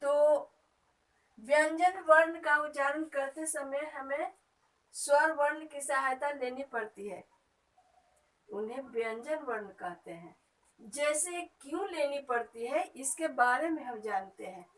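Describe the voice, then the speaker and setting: A woman's voice: sits high, unhurried, fairly bright tone, far from the mic, low-quality recording. A woman teacher giving a grammar lesson to young children, reciting letters one by one and asking the pupils questions.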